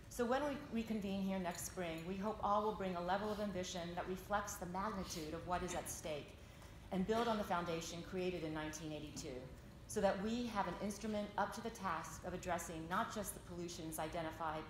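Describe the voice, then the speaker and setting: A woman with a slightly low voice delivers a formal speech in an echoey conference room. There is clear noise in the recording. She reads as a delegate, measured and earnest, with emphasis on her points. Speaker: NGO delegate speaking for an alliance. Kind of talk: formal prepared closing statement, read out. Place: large indoor conference meeting room.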